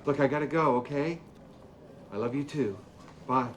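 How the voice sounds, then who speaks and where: An actor playing a caring, plain-spoken police lieutenant in a thriller film. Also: male voice, mid-range voice, normal speed, slight background noise, lightly acted. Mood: gentle. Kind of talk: film drama dialogue.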